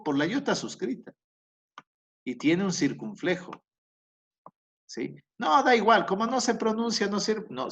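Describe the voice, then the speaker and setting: Slow, patient Spanish-speaking language teacher. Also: male voice, fairly high pitch. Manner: explanatory, repeats key points, frequent fillers and self-corrections. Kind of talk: recorded class lecture.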